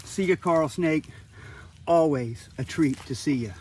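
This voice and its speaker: A man's voice: on the high side, a little slow, darkish tone. A man hosting a wildlife video outdoors, talking to the camera in an exclamatory, admiring, colloquial way. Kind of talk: outdoor vlog narration, talking to camera and animals. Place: outdoors by a rural road. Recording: clear outdoor background noise. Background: outdoor noise.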